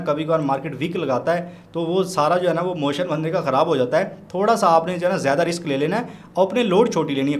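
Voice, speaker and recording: A man from Pakistan, walking through trading charts as a teacher, chatty and repeating his points while he keeps calling the viewer brother. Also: on the high side. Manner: repeats points to drive them home. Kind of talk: chart walkthrough tutorial.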